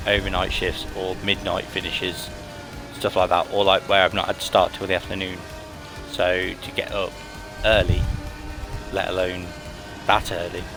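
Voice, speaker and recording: Man, sleepy and yawning, rambly with lots of ums, deep voice, racing game music playing over him. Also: low-quality recording. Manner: rambling, many fillers and restarts. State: tired, yawning. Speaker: streamer. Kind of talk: casual stream commentary. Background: game music and car engine sounds.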